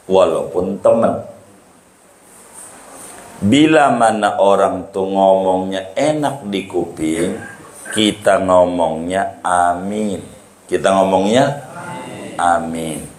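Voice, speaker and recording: Slow-speaking preacher in an echoey hall. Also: male voice, lowish voice. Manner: playful, bantering with the audience and acting out mocking quotes. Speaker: Islamic preacher. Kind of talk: lively sermon to a congregation.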